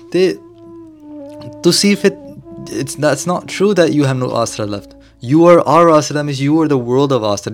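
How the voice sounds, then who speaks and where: Man teaching scripture over music. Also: mid-range voice. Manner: switches between English and Punjabi, explanatory, repeating key phrases. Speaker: Sikh preacher teaching scripture. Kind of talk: religious discourse, explaining scripture.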